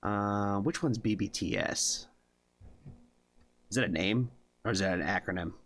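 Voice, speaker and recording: This man's casual livestream chat while reacting to music rambles along with many fillers, free swearing, and a habitual "you know what I mean?" He speaks at a measured pace in a lowish, fairly bright voice.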